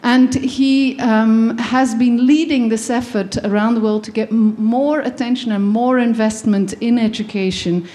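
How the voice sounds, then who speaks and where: A woman's voice: on the high side, fairly even intonation, measured pace, few pauses, dark tone. A woman from Belgium giving an earnest faith-based talk on education, with frequent ums and restarts. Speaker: guest speaker.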